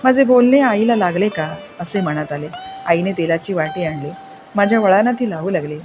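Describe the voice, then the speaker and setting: A storyteller giving an expressive, measured reading of a children's story, with faint music behind. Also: mid-range voice, noisy background.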